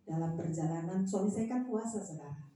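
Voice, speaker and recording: Woman preacher in a booming echoey hall. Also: a little fast. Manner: lively, animated storytelling with swings in loudness. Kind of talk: sermon. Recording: very echoey hall, mic from a distance.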